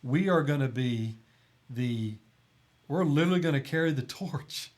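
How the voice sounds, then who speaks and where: A man's voice: mid-range voice, expressive, moderate pace, darkish tone. A middle-aged man, a volunteer chaplain talking earnestly on a podcast, emphatic and often restarting his sentences. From Tennessee. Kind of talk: conversational podcast talk.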